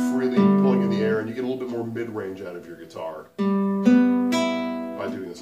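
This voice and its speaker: A man teaching guitar in a relaxed, chatty manner, counting along as he plays. His voice sits in the middle range and comes from a little way off the mic, in a roomy space. Loud guitar rings out around him. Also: medium pitch, far from the mic. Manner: relaxed, counts beats aloud while playing. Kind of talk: instructional demonstration. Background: loud guitar playing.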